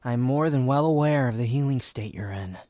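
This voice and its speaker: A man playing an aloof, proud, sardonic young wanderer in an intimate roleplay audio drama, speaking in haughty, formal, halting phrases. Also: mid-range voice, mellow, dry recording, close to an everyday voice. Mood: smug, menacing. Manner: haughty, formal wording, halting, sighs and scoffs.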